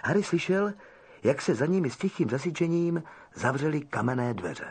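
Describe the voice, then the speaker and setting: Husky male storybook narrator. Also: on the high side, animated, a little mellow. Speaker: audiobook narrator.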